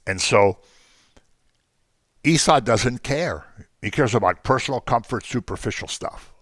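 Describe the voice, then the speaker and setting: A man's voice: mid-range voice, expressive, unhurried, no echo, clean studio sound. A man teaching an informal Bible class, talking conversationally with frequent ums and jokey asides to the class.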